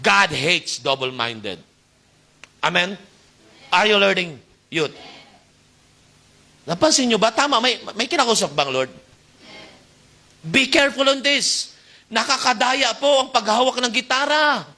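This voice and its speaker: A man preaching to a youth service, exhorting and calling for amens, his delivery swinging between loud and soft. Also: high-pitched, lively intonation, unhurried, long pauses. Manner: exhorting, calls for amen, shifting loud and soft. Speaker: youth pastor. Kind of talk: Taglish sermon.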